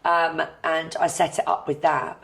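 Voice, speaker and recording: A woman hosting a podcast in casual chat, her voice husky and croaky from flu, self-mocking and quick to laugh. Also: sits low, flat delivery, a bit bright, slight background noise. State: hoarse from flu. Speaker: podcast host.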